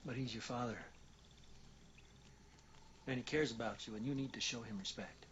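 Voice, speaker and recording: A man playing a calm, measured mentor in a naturalistic TV drama. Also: medium pitch, close to an everyday voice. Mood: calm, admonishing. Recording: dull TV soundtrack, loud noise.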